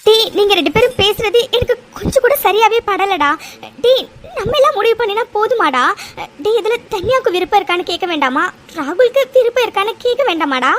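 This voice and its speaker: Woman doing a bossy old family matriarch, very high voice, firm scolding tone, cartoon drama. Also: lively intonation, brisk, a little hiss or hum. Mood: exasperated. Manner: scolding and firm, calls the men to order. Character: stern elderly family matriarch, protective of the women.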